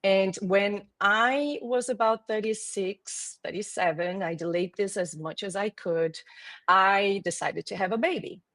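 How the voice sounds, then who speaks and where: A woman in her forties with a Brazilian Portuguese accent talks earnestly over a video call, pausing and restarting as she gathers her thoughts. Her voice sits at an ordinary middle pitch, and the sound is close and dry. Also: fairly bright tone, no room sound. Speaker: guest, marketing executive. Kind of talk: conversational interview.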